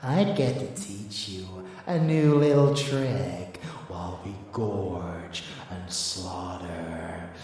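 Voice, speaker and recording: A man plays a seductive, predatory vampire lover in an ASMR audio drama, murmuring intimately and sometimes dropping to a whisper, with a seductive, scheming mood. His deep, slightly mellow voice moves slowly with hardly any pauses, captured on a distant mic in a large, very echoey hall.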